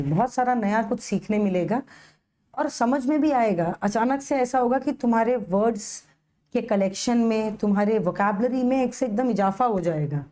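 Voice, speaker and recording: With a slightly high, dark voice and an Indian English accent, a young woman teaches a live online class. She patiently drills Latin legal phrases one syllable at a time while teasing her students.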